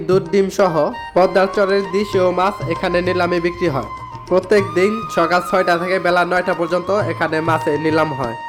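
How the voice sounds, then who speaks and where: High-voiced Bangladeshi man narrating. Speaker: channel host and narrator. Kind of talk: scripted vlog narration. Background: music.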